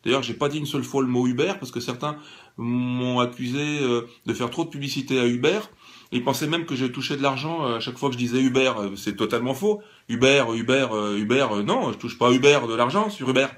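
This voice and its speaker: A man vlogging a casual satirical monologue, ironic and halting, with many fillers. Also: medium pitch.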